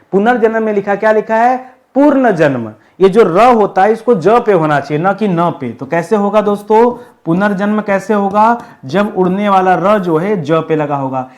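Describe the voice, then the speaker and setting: High-pitched teacher guy, keeps asking then answering his own questions, coaxing and chiding students. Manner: asks questions and answers them himself, addresses viewers as friends; coaxing, chiding direct address. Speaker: Hindi teacher. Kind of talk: exam-prep lesson.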